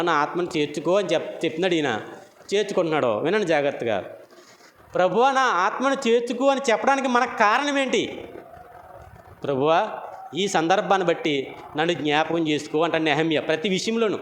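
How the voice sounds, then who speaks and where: A man preaches in a high, rising voice, repeating his lines and firing questions at his listeners. He swings between loud, pressing bursts and softer asides. The sound is echoey, like a hall, with faint noise behind him. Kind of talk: sermon.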